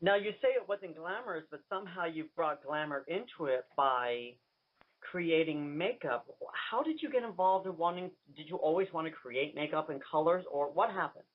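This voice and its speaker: A man's voice: fairly high pitch, expressive, normal speed. A man hosting a radio interview over the phone, gushing, flamboyant and enthusiastic. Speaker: radio host and drag queen. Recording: tinny phone line.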